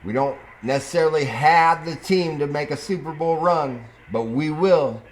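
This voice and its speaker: A man casually commenting on his own football video game play, chatting to the game and breaking into sudden excited whoops. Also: on the high side, normal speed, slight background noise. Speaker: gaming YouTuber.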